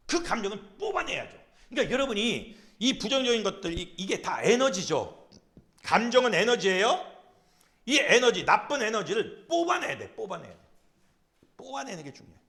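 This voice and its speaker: A man, a pastor, giving an animated lecture to a class. He speaks emphatically, repeats his key phrases, and acts out quotes in character. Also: high voice.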